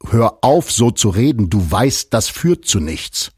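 A man voicing a desperate, crude husband who urgently scolds his wife in a spoken audiobook, in a husky voice. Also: lowish voice, big pitch swings, measured pace, dry recording, studio quality, exaggerated voice. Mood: exasperated, scolding.

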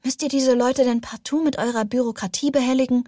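A woman's voice: high-pitched, steady tone, fairly quick, mellow, no echo, studio quality. A woman reading the lines of an outspoken, indignant young woman in an audiobook, reproachful in tone.

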